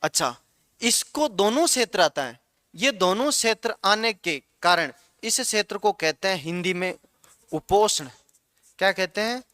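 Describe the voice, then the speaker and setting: Male teacher, high ringing voice, dry close sound, drills the class with repeated questions. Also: animated, a little slow, sharp tone, dry recording. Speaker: geography teacher. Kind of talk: classroom lecture.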